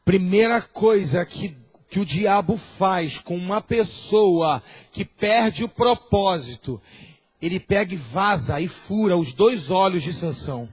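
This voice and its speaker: A man preaching a sermon in a Brazilian Portuguese accent, switching between quiet asides and shouted, acted-out quotes. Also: sits high, lively intonation, slow pace, breathy edge. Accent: Brazilian Portuguese, Rio de Janeiro area. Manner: impassioned preacher, acts out quoted voices and shouts. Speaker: apostle preaching.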